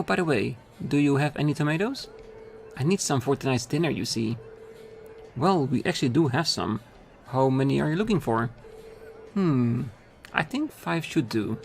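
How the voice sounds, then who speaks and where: A man's voice: mid-range voice, vocal fry. A man voicing a polite, chatty woman shopping for groceries in a game, in a lightly raised voice.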